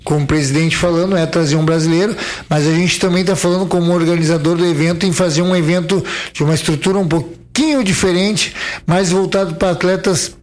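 Brief: man, fairly high voice, organizer guest on a radio show, rambling and restarting. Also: fairly even intonation, brisk. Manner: rambling, repeats words, many fillers. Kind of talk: casual radio interview.

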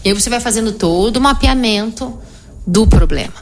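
A middle-aged woman psychologist, explaining her method in an animated conversational interview, often tagging her sentences with "né?". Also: a little high, brisk. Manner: explanatory, animated, frequent "né?" tag questions.

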